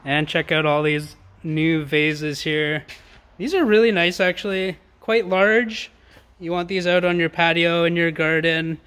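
Indoors in a large warehouse showroom, a man walks through auction items in an informal promo, using enthusiastic, slangy sales patter amid noticeable background noise. His voice is a little high, level, unhurried, slightly bright, clear, and resonant.

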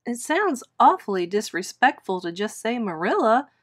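A woman's voice: mid-range voice, animated, normal speed, a bit bright, natural voice. A woman voicing an earnest, imaginative orphan girl in an audiobook, with gushing, dramatic, wordy delivery. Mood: wistful. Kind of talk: audiobook character voice.

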